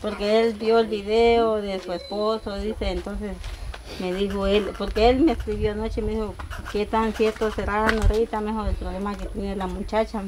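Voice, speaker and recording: A woman's voice: medium pitch, little pitch movement, moderate pace, background noise. A young woman, explaining a donation in a chatty, step-by-step way and counting money aloud outdoors. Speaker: vlogger delivering donation. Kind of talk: casual explanation. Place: rural dirt yard outdoors.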